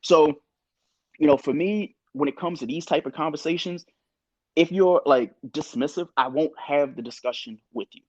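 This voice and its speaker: Young guy on a podcast, husky voice, opinionated rant, kinda dull sound. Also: fairly high pitch, normal speed, dry recording. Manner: animated, opinionated, quotes others in voices. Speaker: podcast co-host. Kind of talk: casual podcast discussion.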